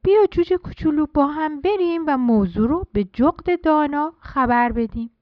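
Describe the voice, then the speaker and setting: A woman's voice: sits high, expressive, no room sound, lo-fi sound. A woman voicing a concerned, motherly hen in a children's storybook reading. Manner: concerned, coaxing.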